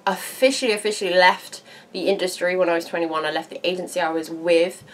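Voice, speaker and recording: A British woman in her thirties, a beauty vlogger chatting frankly to camera in a casual, animated and sweary way. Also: on the low side, fast talker. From England.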